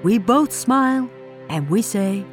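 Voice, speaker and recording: Expressive woman reading a storybook aloud. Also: mid-range voice, slow pace. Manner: expressive, shifting between hushed and shrieking. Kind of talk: dramatic storybook read-aloud. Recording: music playing behind the voice.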